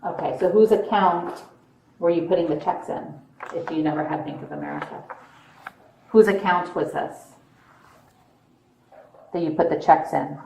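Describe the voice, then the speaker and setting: A woman police officer questioning a suspect in a measured, persistent, probing way. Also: lowish voice, lively intonation, vocal fry, mellow. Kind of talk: interrogation, calm questioning. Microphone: police bodycam. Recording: echoey, distant body camera audio with noise.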